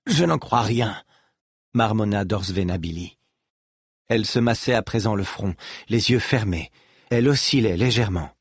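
Male audiobook narrator, measured and steady, low husky voice. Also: no echo, clean studio sound. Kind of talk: audiobook reading.

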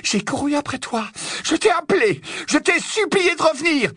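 A man's voice: wildly swooping pitch, slow, bright, forceful tone, breathy edge, no echo, clean studio sound, heavily acted. A man voicing a furious, shrieking teenage girl witch who screams and mocks. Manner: shrill, screaming, sarcastic.

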